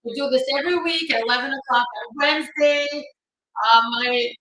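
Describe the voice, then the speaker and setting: The woman's voice sits high, with a fairly bright tone and normal speed. Originally from Ukraine, she's an immigration lawyer chatting upbeat on a live stream from a New York home or office, greeting viewers by name amid frequent fillers, recorded on a phone in an echoey room.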